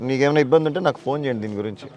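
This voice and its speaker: A man, a politician touring a village outdoors, talking casually with villagers and children in a brisk, commanding, playful way. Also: mid-range voice, darkish tone, lo-fi sound.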